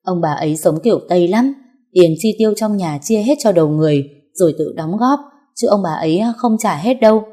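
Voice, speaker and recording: A spoiled young wife, voiced by a female storyteller chatters and complains in a gossipy, giggly voice. Her tone stays mellow and fairly low through the audio story. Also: lively intonation, brisk. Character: spoiled young married woman, chatty and scheming.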